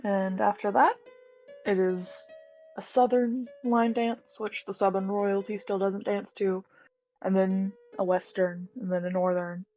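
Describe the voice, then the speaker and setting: A woman's voice: medium pitch, steady tone, a little slow, dark tone, lo-fi sound, soft background music. A woman narrating as game master in a tabletop game, hesitant as she reads from her notes. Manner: hesitant, reading notes with fillers.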